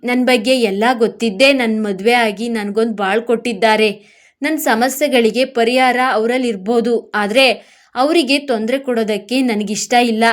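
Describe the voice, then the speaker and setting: A woman reads as a heartbroken young mother in a storybook drama, speaking softly and pleadingly to her infant. The voice sits a little high and stays tender and grieving. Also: close to an everyday voice. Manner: sorrowful, pleading, soft. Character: despairing young mother saying goodbye to her baby.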